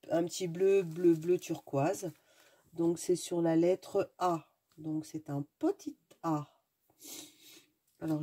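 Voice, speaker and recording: Low, mellow and slightly rough, the voice belongs to a craft video host who is stuffy and sniffling. She unboxes while chatting casually and enthusiastically, often pausing to find her words.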